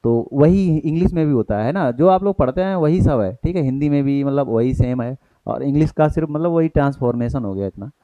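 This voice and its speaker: An Indian-accented man teaches an exam-prep grammar class, mixing English terms into his explanations and posing questions he answers himself. His voice is mellow and dark. The recording is dry and slightly dull. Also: mid-range voice, expressive, a little fast, few pauses, no room sound.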